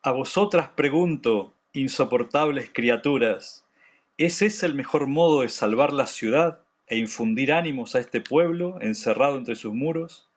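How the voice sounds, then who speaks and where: A man reading aloud the lines of a stern ancient male king scolding, with measured emphasis. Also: mid-range voice, slightly rough.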